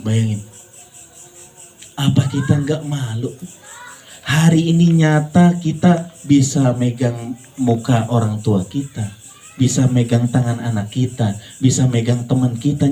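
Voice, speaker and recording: A man preaching a lively, joking sermon, talking straight to the congregation and swinging between playful high voices and low earnest tones. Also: unhurried, long pauses, poor audio. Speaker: Islamic preacher.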